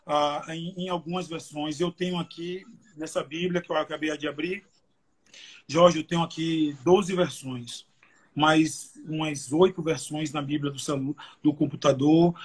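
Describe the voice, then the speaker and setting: A man's voice: on the high side, steady tone, unhurried, breathy edge. A man with a Brazilian Portuguese accent preaching a sermon at a youth church service, emotional and conversational, with many fillers. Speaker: evangelist preacher. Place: church service streamed live.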